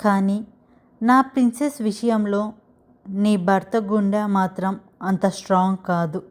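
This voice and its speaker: A woman's voice: medium pitch, fairly even intonation, measured pace, lightly acted. A woman reading the lines of a protective young husband in a story, doting and anxious, in her own voice. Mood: tender. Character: protective young husband, tender but fierce.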